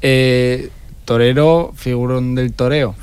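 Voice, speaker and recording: A man's voice: mid-range voice, steady tone, slow, a little mellow, clear, resonant tone. Young man giving short replies. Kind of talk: interview answers.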